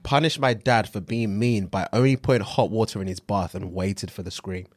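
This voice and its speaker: A man's voice: lowish voice, moderate pace, darkish tone, no echo, studio quality. A man with a London roadman accent and street slang, hosting a casual chat and reading out short confessions. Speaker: podcast host.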